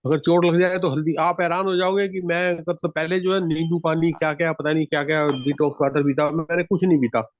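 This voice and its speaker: A man's voice: fairly high pitch, fairly even intonation, a little fast, hardly any pauses, muffled recording, slight background noise. A man leading an online group session, often restarting his sentences and cutting in with a repeated no. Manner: frequent restarts, interrupts with repeated no. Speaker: session leader.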